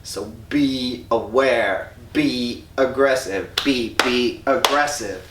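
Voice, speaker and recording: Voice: medium pitch, takes it slowly, background noise, pitched below the performer's own voice, natural voice. A storyteller doing streetwise ancient god parents. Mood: warning. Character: streetwise ancient divine parents warning their son. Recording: roomy echo, distant mic.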